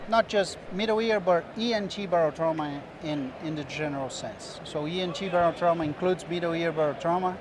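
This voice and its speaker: A middle-aged Brazilian man, a physician specializing in diving medicine, answers interview questions at a busy expo booth with a noisy trade floor behind him. His first language is Portuguese and he speaks with a Brazilian Portuguese accent. His pitch is slightly raised, and he explains things in a measured way with small restarts.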